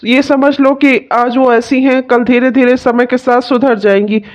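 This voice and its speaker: A voice actor playing a kind young husband in a cartoon who gently comforts his wife. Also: sits high, little pitch movement, measured pace, lo-fi sound. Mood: reassuring. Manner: gentle, coaxing, reassuring. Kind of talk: cartoon voice acting.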